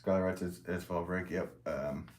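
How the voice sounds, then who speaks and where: A low-pitched American man talks casually on a livestream. He rambles along, half to himself and half to his viewers, as a working potter. There is faint noise and some clicking in the recording. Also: steady tone, moderate pace, darkish tone. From United States. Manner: rambling, chatty, talking to himself while working. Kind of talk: casual livestream chat, reading comments.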